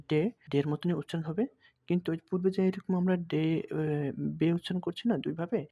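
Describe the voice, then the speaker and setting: A young man with a husky, slightly breathy voice that sits a little high teaches letters step by step. He speaks Bengali as his first language and repeats each example word slowly and patiently. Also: a little mellow. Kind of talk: explaining at a blackboard.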